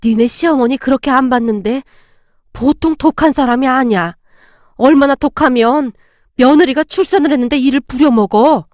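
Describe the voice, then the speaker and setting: A woman's voice: sits high, normal speed, darkish tone, no echo, clean studio sound, close to an everyday voice. Woman doing a whiny older mother-in-law. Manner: whiny, complaining. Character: self-pitying older mother-in-law, petulant.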